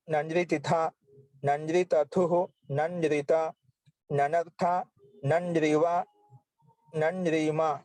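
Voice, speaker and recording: A man teaching Sanskrit grammar, slowly reciting verb forms one by one. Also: a little high, warm tone, no room sound, low-quality recording. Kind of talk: online class lesson.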